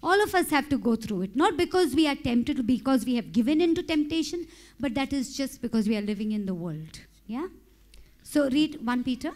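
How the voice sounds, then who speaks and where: High-voiced woman preaching a fervent sermon. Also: animated, brisk. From India. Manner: impassioned, rising to shouted prayer. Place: church stage with pink backdrop. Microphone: handheld mic.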